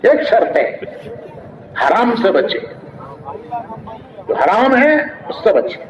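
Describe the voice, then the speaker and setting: A man delivering a sermon in a high, light voice, asking the crowd questions and repeating his key phrases. The sound is echoey and a little dull, with faint noise behind it, as if recorded at a large gathering. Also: very animated, slow pace. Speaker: preacher.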